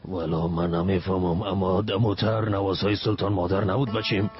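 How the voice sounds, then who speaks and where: A man's voice: sits low, level tone, close to an everyday voice. An actor playing a short-tempered older father-in-law who scolds and hurries the others, in a dubbed TV drama. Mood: irritable. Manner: irritable, scolding. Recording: dull lo-fi dubbed film audio with clear music.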